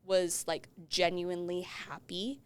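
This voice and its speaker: A woman's voice: lowish voice, fairly even intonation, a little slow, clear, resonant tone. A woman in her twenties from Colorado, a medical student guest explaining her choices thoughtfully in a casual podcast interview. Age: 20s.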